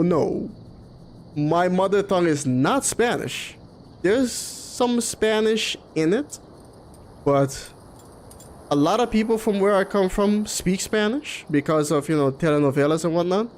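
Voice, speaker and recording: A Curaçao man whose first language is Papiamento streams a game and chats casually, full of opinions, over the gameplay. His voice sits on the high side with a darkish tone and a measured pace. The background is clearly noisy.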